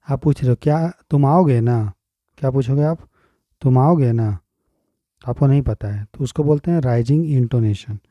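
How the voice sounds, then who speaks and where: A man's voice: mid-range voice, dry recording, highs cut off. An Indian man teaching an exam-prep grammar lesson, explaining step by step and often checking if students follow.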